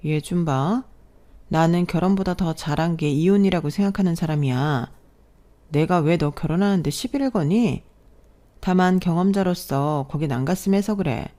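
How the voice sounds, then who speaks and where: A woman's voice: fairly low pitch, moderate pace, mellow, lightly acted. A woman voicing a blunt, cynical divorced older sister in a storybook audio drama. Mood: knowing. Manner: blunt, knowing.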